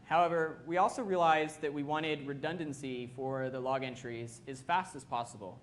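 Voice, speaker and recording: A man's voice: a little high, fairly even intonation, normal speed, slight background noise. A man giving an explanatory technical presentation as a systems administrator.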